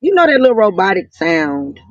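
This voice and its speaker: Laid-back, slangy man on a choppy voice call, high-pitched, dull and dry. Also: wildly swooping pitch, normal speed, a crowd in the background. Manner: slangy, laid-back, talks over others. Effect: voice over a breaking-up online call. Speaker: voice chat participant. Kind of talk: casual group voice chat. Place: riding in a car.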